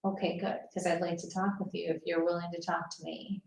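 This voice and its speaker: Echoey woman gently talking to a ghost. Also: fairly low pitch, little pitch movement, creaky, slight background noise. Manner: soft coaxing questions with pauses for answers. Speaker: paranormal investigator. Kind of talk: talking to a ghost, asking gentle questions to unseen spirits. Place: indoors aboard a ship. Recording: echoey room.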